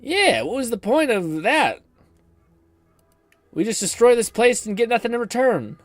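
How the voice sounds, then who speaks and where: A man's voice: extremely high pitch, very animated, a little slow, no room sound, faint music behind. A man doing casual live game commentary as a streamer, thinking aloud in an informal, sweary way.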